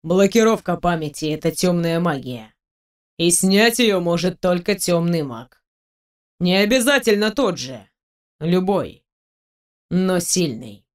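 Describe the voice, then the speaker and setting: A reader voicing a cunning, powerful male mage lord who speaks calmly and tersely in an audiobook. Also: medium pitch, unhurried, long pauses, lightly acted. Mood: guarded. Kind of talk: audiobook character voice.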